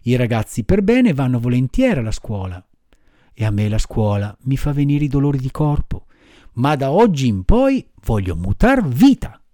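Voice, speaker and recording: A man voicing a lively, impulsive wooden puppet boy, raising his voice high for an audiobook reading. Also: moderate pace, no room sound, studio quality, natural voice. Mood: pleading. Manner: high excitable voice, jumping up for emphasis. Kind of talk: audiobook character voice.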